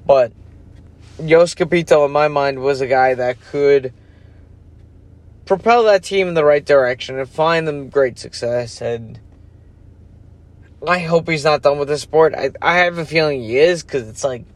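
A man's voice: fairly high pitch, unhurried, long pauses, no room sound. Sleepy rambling man ranting. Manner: rambling, loses focus, self-interrupting. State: sleepy, yawning. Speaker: podcast host. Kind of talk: casual rant.

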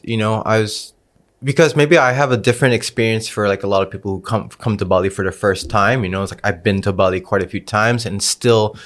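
A man's voice: fairly low pitch, a bit bright. A man who grew up in Indonesia, a podcast guest talking in a laid-back, rambling way full of "you know"s. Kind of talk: casual podcast chat.

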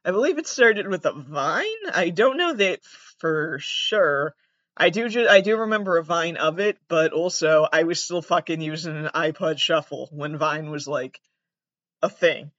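A man from the United States with vocal fry and a monotone, deadpan delivery, hosting a podcast as a casual, self-deprecating, sweary comedic monologue. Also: a little high, measured pace, no room sound, dull audio. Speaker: podcast host.

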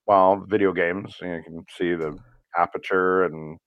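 This voice actor, a guest in a casual interview, rambles through stories in a relaxed way, dropping fillers as he goes. His voice sits low and his pace is unhurried. There's no room sound, and the audio is lo-fi.

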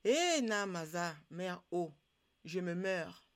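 A storyteller voicing a frightened captured catfish that cries out and pleads, slowly and loudly. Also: mid-range voice, completely flat delivery, smooth, lightly acted. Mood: wailing. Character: wailing captured catfish, fearful and lamenting.

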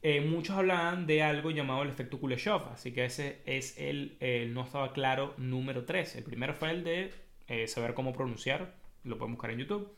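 A man with a Venezuelan accent hosting a casual explanatory monologue, telling it in a colloquial, animated way with slang. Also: mid-range voice, a little fast. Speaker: host.

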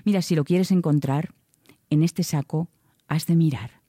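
A woman telling a story puts on a greedy bogeyman with a sack who speaks in a slow, low, menacing chant. His threats are spaced out and heavy, recorded close and dry. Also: warm tone, husky, no echo.

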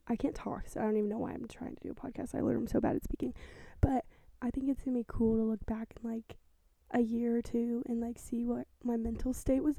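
Soft-spoken young woman with vocal fry. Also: on the high side, dry recording. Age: 20s. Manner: rambling and hesitant, heavy use of filler words; talking quietly and self-consciously. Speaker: podcast host. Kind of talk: casual solo podcast monologue. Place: her bedroom, sitting in bed. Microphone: small mic with a fluffy windscreen.

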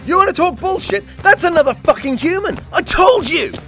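Man acting reckless, high-pitched, frantic thrill-seeker. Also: very animated, slow pace, gravelly, soft background music, heavily acted. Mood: frantic, angry. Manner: frantic, loud, profane shouting. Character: reckless, thrill-seeking man chasing a woman. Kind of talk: audio drama acting.

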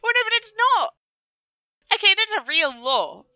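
A Canadian woman co-hosting a podcast in casual, joking banter, animated and swearing freely. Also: very high-pitched, normal speed, dry recording, highs cut off. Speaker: podcast co-host.

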